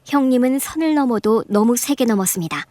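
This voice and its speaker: A middle-aged mother, voiced by a woman telling her story in a radio drama, measured and then firm and sharp. Her voice sits high and clear. The sound is dry and close-miked. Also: animated, no room sound, lightly acted. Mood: narrating. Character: middle-aged mother, calm narrator who snaps in anger. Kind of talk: Korean radio drama narration.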